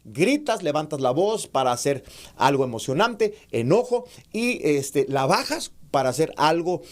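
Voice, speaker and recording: A man giving an online class on public speaking to preachers, calling them brothers, reading comments and demonstrating raised and lowered voice. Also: sing-song, measured pace. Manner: addresses listeners as brothers, reads out chat comments; demonstrates shouting and lowering his voice. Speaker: preaching instructor.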